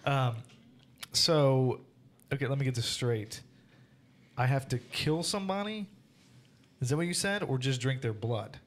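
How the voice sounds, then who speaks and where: A man's voice: medium pitch, unhurried, pauses often. A man playing in a tabletop game, chatty, asking questions and laughing. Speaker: player. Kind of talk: casual tabletop game chat.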